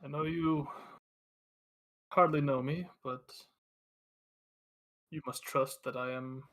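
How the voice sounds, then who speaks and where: A man's voice: medium pitch, steady tone, slow pace, fairly bright tone. A man playing a guarded, solemn swordsman. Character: guarded male adventurer bearing a moonblade.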